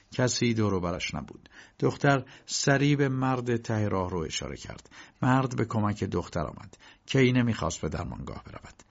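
A man narrating an audiobook in a measured, steady storytelling manner, in a dull lo-fi recording. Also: on the low side, vocal fry.

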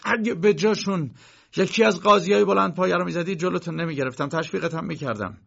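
Man putting on an indignant bank official, gravelly voice, agitated, dull lo-fi sound. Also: medium pitch, close to an everyday voice. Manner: earnest, agitated protest. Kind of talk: audiobook character voice. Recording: muffled lo-fi recording.

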